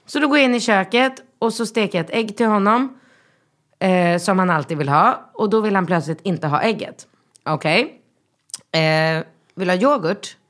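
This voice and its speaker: A woman in her thirties, a mother, chatting casually and telling a lively story, acting out the voices in it. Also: mid-range voice. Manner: lively storytelling with acted-out dialogue. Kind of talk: casual chat.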